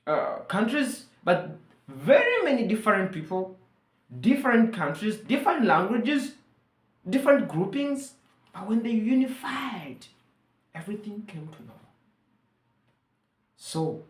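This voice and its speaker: In an echoey room, a medium-pitched woman from Uganda, a native Luganda speaker, addresses the camera in a persuasive monologue. Her tone is earnest and rallying, and she repeats phrases to drive her points home.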